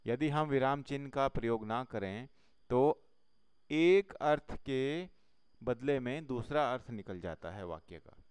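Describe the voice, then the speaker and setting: A man teaching a Hindi grammar lesson, explaining slowly step by step with pauses. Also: medium pitch, lively intonation, a little mellow, clear, resonant tone, dry recording.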